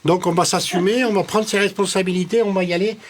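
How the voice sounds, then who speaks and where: A man with a fairly high-pitched voice gives spiritual readings in a chatty register. He is informal and likes to joke and tease. A faint noise sits behind his voice. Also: fairly even intonation, fast talker. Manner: informal, joking, teasing. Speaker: numerologist guest giving readings to callers.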